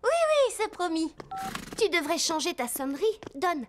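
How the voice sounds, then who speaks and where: A woman dubbing a cartoon teenage girl rider who is always on her phone, eager and talking quickly and reassuringly. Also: extremely high pitch, big pitch swings, slight background noise, full character voice. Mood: chatty. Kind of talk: French cartoon dub. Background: music.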